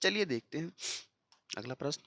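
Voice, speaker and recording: A teacher running an exam-prep lesson, who reads each answer option aloud as a question, checks in with frequent "okay"s, and repeats key answers slowly for drilling. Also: mid-range voice, lively intonation, fairly bright tone, dry recording, studio quality. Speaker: Hindi teacher for exam preparation.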